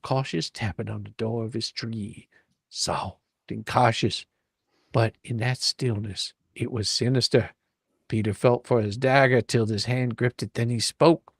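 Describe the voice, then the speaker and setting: A man with a medium-pitched voice and vocal fry reads a storybook dramatically, playing the storyteller with a theatrical delivery and playful, folksy, ungrammatical flourishes. The recording is studio quality with no echo.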